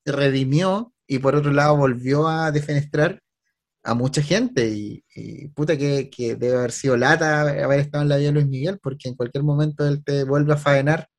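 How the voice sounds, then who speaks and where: A man with a Chilean accent, hosting a podcast in casual chat, going over things at length with filler words and restarts. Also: medium pitch.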